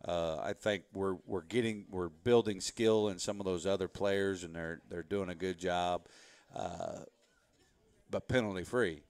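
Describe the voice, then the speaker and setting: A man speaking as a head football coach in a relaxed interview, rambling a bit as he explains. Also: low voice, a little slow, clear, resonant tone, dry recording. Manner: relaxed, rambling, frequent "you know" fillers. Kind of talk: casual interview talk.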